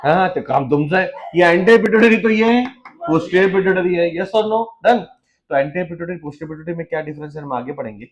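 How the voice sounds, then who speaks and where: A man teaching biology in a classroom, firing questions at students and teasing them, with quick low asides. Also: expressive. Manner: quizzes students with repeated questions, teasing and joking. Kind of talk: lively classroom lecture.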